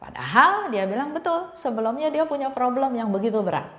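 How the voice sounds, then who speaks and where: Woman giving a gentle devotional talk. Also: sits high, lively intonation, brisk, echoey room. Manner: gentle storytelling with repeated phrases.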